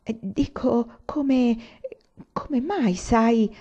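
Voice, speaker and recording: A woman's voice: on the high side, extremely slow, warm tone, lo-fi sound, pitched above the performer's own voice. A woman reading aloud, voicing a jealous, possessive young husband who stammers and bursts out insistently. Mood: stammering.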